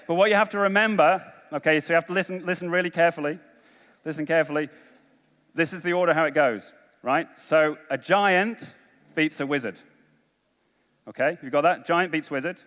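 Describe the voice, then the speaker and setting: A man's voice: fairly high pitch, a bit bright. A man giving a conference talk, coaxing and rallying a large audience through a game. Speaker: conference speaker. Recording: long hall reverb.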